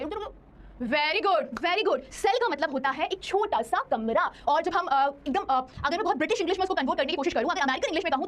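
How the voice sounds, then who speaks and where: A young woman teaches a science lesson from a studio in a very high voice. She talks at a breakneck pace, playful and chatty, and keeps asking her students if they understand. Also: fairly bright tone. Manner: chatty, playful, talks straight to students with many checking questions. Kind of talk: online class lecture.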